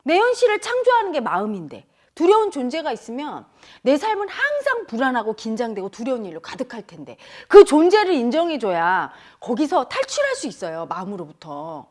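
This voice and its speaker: A woman's voice: high-pitched, brisk. A middle-aged woman giving a spiritual talk on the mind, speaking straight to her listeners and acting out inner voices. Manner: animated, addresses listeners directly, acts out inner voices. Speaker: meditation teacher.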